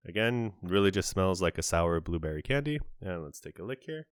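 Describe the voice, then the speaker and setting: A man's voice: low-pitched, expressive, brisk, smooth, no room sound, clean studio sound. A man hosting a casual on-camera candy review, chatty and describing each flavor in detail with small asides. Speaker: candy reviewer, channel host.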